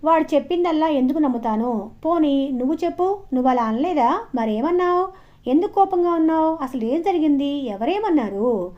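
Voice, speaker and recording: A man's voice: extremely high pitch, lively intonation, normal speed, a little mellow, pitched above the performer's own voice. A woman storyteller voicing a bewildered young man who asks one confused question after another, in a dull lo-fi recording. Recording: dull lo-fi audio.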